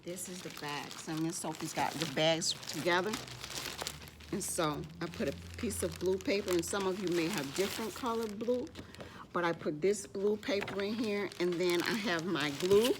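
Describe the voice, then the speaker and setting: With a lowish voice at normal speed, a woman leads storytime at a children's library, addressing young kids as she reads stories and demonstrates crafts. She frequently refers to herself in the third person, and there is background noise.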